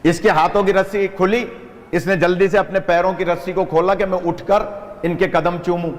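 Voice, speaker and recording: Preacher man in an echoing hall. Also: high voice. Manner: lively narration with audience asides. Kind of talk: sermon storytelling. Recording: reverberant hall.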